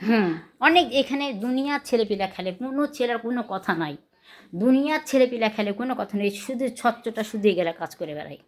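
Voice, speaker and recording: A woman's voice: a little high, expressive, fast. A woman with a Rajshahi Bengali accent vlogging at home, telling viewers about a quarrel and repeatedly asking them whether she was wrong. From Bangladesh. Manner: aggrieved, repetitive, asks viewers to judge. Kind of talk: casual home vlog, talking to viewers.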